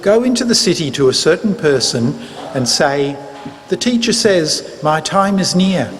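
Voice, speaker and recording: A man's voice: fairly high pitch, animated, normal speed, lightly acted. Man reading as solemn Jesus in a reverberant hall. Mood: calm instructing. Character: Jesus, solemn male teacher addressing disciples. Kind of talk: dramatic scripture reading. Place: large church, live reading. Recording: reverberant church hall, faint noise.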